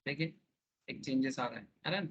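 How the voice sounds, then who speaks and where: A man's voice: medium pitch, fairly quick, a bit bright, breathy edge, lo-fi sound. A man teaching an online class, explaining with everyday analogies and checking in with his students.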